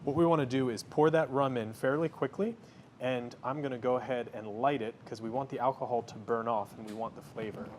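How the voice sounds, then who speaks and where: A company founder with a medium-pitched voice talks confidently and energetically at a fairly quick pace during a cooking demo and interview in a studio kitchen, explaining as he works. A little hiss or hum is audible.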